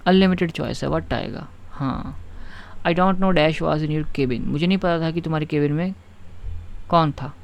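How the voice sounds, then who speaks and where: A man leads an online grammar lesson with a slightly high, gravelly voice. He talks at an unhurried pace, walking through each point step by step and reading out example sentences carefully. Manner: explains step by step, reads example sentences slowly. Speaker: English grammar teacher.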